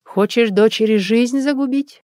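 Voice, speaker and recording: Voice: medium pitch, a little slow, a little mellow, no room sound, studio quality, voice pushed up, close to an everyday voice. A reader voicing a stern, commanding village mother. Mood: insistent. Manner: commanding, insistent. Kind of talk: audiobook character voice.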